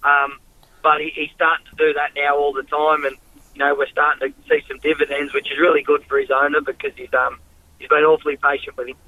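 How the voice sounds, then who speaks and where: A fairly high-voiced Australian man speaks over a dry, narrow phone line. He is a racing driver giving a casual interview, with the laid-back, matey talk of a working bloke. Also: flat delivery, brisk, dry recording. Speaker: harness racing driver and guest.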